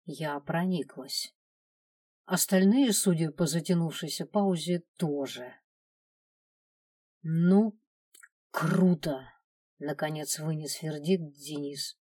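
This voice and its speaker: A woman narrates a first-person audiobook in a calm, steady way. Her voice is low and mellow. It is recorded close and dry, with no room sound. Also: measured pace, husky, dry recording.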